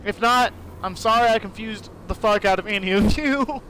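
A man's voice: sits high, moderate pace, bright, forceful tone, slight background noise. A young man live-streaming a shooter game, rambling casually, swearing and laughing as he plays. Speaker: gaming streamer. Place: home room during a thunderstorm.

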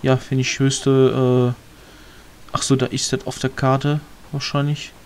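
Male let's-play commentator, mid pitch, mutters and rambles over gameplay, faint hiss behind. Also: flat delivery, slow. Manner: rambling, muttering to himself, mildly grumbling. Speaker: let's player.

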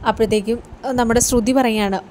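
A woman tells the story of a serial episode in a quick, running patter. Her voice is warm and mellow, and she keeps checking in with her listeners. A faint hiss sits under the recording. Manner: animated, raises her pitch when quoting characters; conversational fillers, asks listener "you hear?". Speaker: serial episode recap host. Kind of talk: casual storytelling recap.

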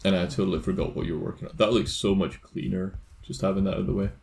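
A man in casual chat while playing a video game with a friend, relaxed, reading quest text aloud with a chuckle. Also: low-pitched, fast, creaky, a little hiss or hum. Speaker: co-host of a gaming series.

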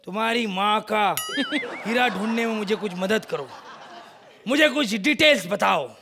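A man playing a cocky, bumbling detective in a stage comedy sketch, mocking others with shouted punchlines. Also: high-pitched, animated, unhurried, heavily acted. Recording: noisy live stage recording.

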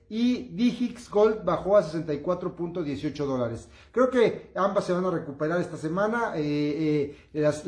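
A man's voice: high-pitched, darkish tone, reverberant. A man giving upbeat, coaxing finance commentary, hesitating often with filler sounds. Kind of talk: informal money commentary to camera.

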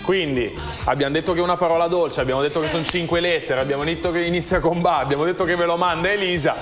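A man's voice: on the high side, fairly even intonation, very fast, fairly bright tone. A man in his thirties hosting a live infomercial-style call-in quiz, wordy and repetitive as he urges viewers to phone in. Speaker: TV quiz show host. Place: TV studio. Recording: music behind the voice.

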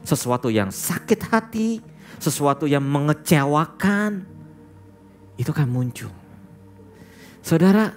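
A man's voice: medium pitch, a little mellow. A male pastor preaching a sermon, telling a story and often addressing the congregation directly, with English words mixed into his speech.

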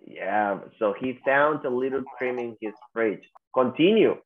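Teaching English online through a video call, a man speaks slowly in a mid-range voice, patiently walking through each step and repeating his students' names. The sound is tinny, lo-fi call audio.

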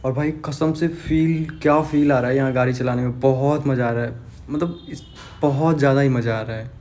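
A man's voice: mid-range voice, steady tone, normal speed, darkish tone. A young man casually narrating a road-trip vlog from inside a car, chatting directly to his viewers. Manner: chatty, talks straight to viewers. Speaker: travel vlogger.

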